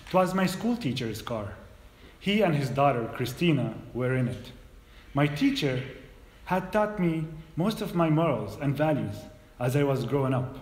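A man in his thirties from Palestine, a native Arabic speaker, giving a measured personal talk as a guest speaker in a church hall. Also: fairly high pitch. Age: 30s. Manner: measured, hesitant at first then steady storytelling. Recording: roomy hall echo.

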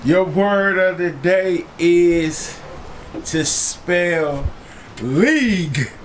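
A man with a high-sitting voice, lively intonation, and drawn-out words hosts a casual spelling contest vlog as quizmaster, trading playful, slangy banter with some swearing. It's set in a barbershop and on an outdoor back deck, recorded in an echoey space with clear background noise.

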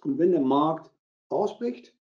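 A man's voice: fairly high pitch, animated, takes it slowly. A middle-aged Belgian man with a Dutch-speaking accent presenting a trading strategy in a live webinar, hesitant, with many fillers as he searches for German words. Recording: dull lo-fi webinar audio.

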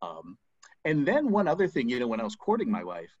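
A man's voice: mid-range voice, wildly swooping pitch, brisk, darkish tone, breathy edge, dry recording. Hesitant man on a dull video call. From United States. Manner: hesitant, many ums and restarts. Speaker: spoken word artist, guest. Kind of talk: casual video-call interview. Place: home room, seated on a couch. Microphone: video call webcam.

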